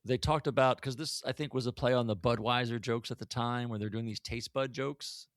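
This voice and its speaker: A man co-hosting a casual podcast, chatting in an animated way and laughing often. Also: mid-range voice, a little fast, dry recording, studio quality. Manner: animated, laughs often, acts out quoted lines. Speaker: podcast co-host. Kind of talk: casual retrospective chat.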